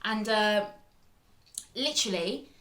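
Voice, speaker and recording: A woman's voice: medium pitch, expressive, slow pace, a bit bright, echoey room. A young woman with a British accent telling a dramatic storytime vlog, chatty and full of fillers. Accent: British English. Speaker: vlogger.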